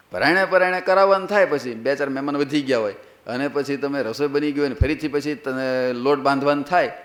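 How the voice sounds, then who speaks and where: A man who is a monk preacher, telling a sacred story as a sermon. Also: mid-range voice. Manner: lively storytelling, acts out characters.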